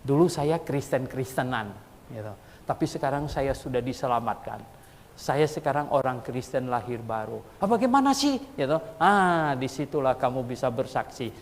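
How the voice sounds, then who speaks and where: A male pastor preaching a sermon in a colloquial, lively storytelling manner, his voice leaping high when he acts out quotes. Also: normal speed, a little hiss or hum. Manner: colloquial Jakarta-style speech with frequent "gitu". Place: church hall. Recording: long church hall reverb.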